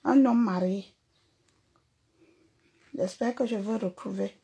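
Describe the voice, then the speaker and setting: Husky woman in a mocking rant. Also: mid-range voice, slow, dark tone. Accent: Cameroonian. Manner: mocking, insulting, repetitive. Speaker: singer. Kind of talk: angry social media rant.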